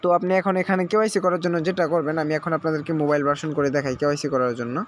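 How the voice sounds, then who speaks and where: Fairly high in pitch and fairly even in intonation, the male host's rapid-fire voice carries a little hiss or hum. In his screen-recorded tutorial he takes viewers through an app sign-up step by step, repeating instructions, checking in often, and adding English words.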